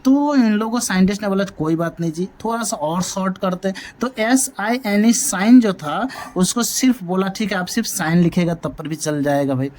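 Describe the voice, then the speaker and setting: A man's voice: high-pitched, normal speed, hardly any pauses, darkish tone, slight background noise. A male math teacher giving a classroom lecture, often asking a question and then answering it himself. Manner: drills points by asking and answering his own questions.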